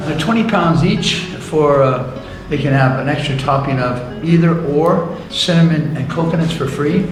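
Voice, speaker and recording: A man in his sixties from the US, telling his story outdoors in an unhurried, rambling way with many fillers. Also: on the high side, poor audio. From USA. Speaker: interviewee, street vendor. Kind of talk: casual storytelling interview. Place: outdoors on a town street. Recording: travel video with loud music bed. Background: loud background music.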